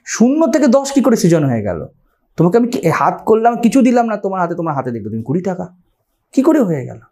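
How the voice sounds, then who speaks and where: This spiritual teacher's voice is high-pitched and mellow, swinging widely in pitch as he moves at a quick pace. He has a Bengali accent and explains scripture one step at a time in a lecture, often posing rhetorical questions to check in with his audience.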